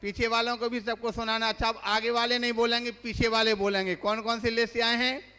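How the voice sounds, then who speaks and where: A man's voice: extremely high pitch, level tone, brisk, sharp tone, clear, resonant tone. A man, a monk teaching a religious class, asks the listeners questions and then recites the lists himself. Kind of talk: quizzing religious lesson. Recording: long hall reverb.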